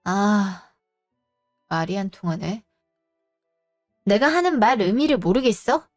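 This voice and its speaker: A woman voicing a sharp young woman who scolds and cuts off her cheating partner, in a storybook drama. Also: medium pitch, sing-song, takes it slowly, soft background music. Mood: scornful. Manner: scolding, cutting. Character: cold, sharp young woman boss's daughter.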